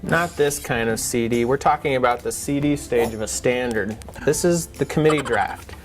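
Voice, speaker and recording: A man's voice: mid-range voice, normal speed, soft background music, rough recording. A man presenting an explainer in a patient, conversational teaching manner. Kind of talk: semi-scripted explanatory dialogue.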